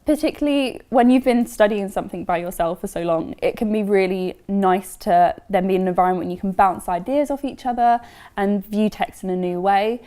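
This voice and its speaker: Young woman explaining, measured. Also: medium pitch, dark tone, smooth. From Essex, England. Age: young adult. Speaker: university student. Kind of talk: casual interview testimony.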